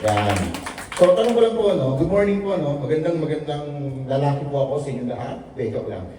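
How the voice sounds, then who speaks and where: A man's voice: fairly high pitch, lively intonation, fast, background noise. Man, storytelling testimony, jokes with the audience, distant mic, heavy room echo. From Philippines. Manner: joking, storytelling, acts out quoted dialogue. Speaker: invited speaker at a business presentation. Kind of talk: testimonial speech to a seated audience. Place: large echoey meeting room. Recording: very echoey room, voice from far off.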